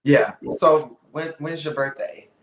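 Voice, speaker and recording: A playful podcast host in his thirties, with a high, bright voice, runs a casual interview, teasing his guest and bursting into exclamations. He speaks slowly in a level tone, and the room is echoey.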